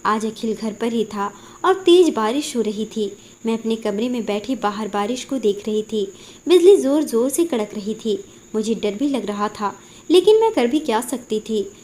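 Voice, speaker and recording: Woman storyteller, first-person emotional narration, earnest and dramatic, fairly high, mellow voice. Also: expressive, normal speed.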